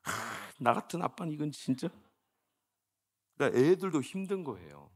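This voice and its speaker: A man in his forties, a senior pastor preaching a sermon in a chatty, conversational way, full of rhetorical questions, swinging between hushed storytelling and loud exasperated outbursts. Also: on the high side, very animated, normal speed, slightly rough.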